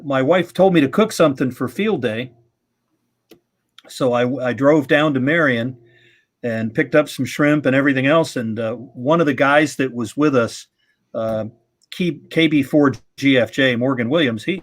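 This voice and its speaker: A man's voice: medium pitch, measured pace, long pauses. A middle-aged man hosting a live radio-club stream, telling rambling, chuckling anecdotes in casual chat.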